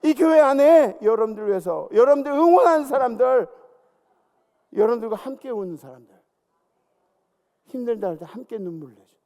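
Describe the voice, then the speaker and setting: A man's voice: very high voice, lively intonation, moderate pace, pauses often, dark tone. A male pastor preaching a sermon, exhorting and calling out to his congregation. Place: large church sanctuary. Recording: long church hall reverb.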